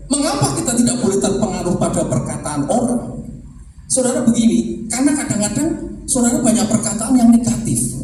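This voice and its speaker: A man preaching a lively sermon to a congregation, asking them questions and rising high when he quotes people crying out. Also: noisy background. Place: church service. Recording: echoey room from far off, music behind.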